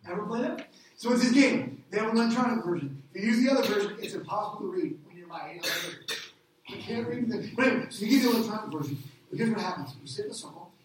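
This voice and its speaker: Middle-aged pastor preaching in an echoey hall. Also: male voice, high voice, fast talker, slight background noise. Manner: animated, acts out voices, rhetorical questions. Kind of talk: sermon. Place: church hall. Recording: echoey hall, distant mic.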